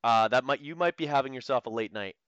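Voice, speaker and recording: A man's voice: mid-range voice, fast, fairly bright tone, smooth, dry recording, lo-fi sound. A man hosting an interview, friendly and joking, with many hesitant fillers. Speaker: interviewer, host. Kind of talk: casual interview.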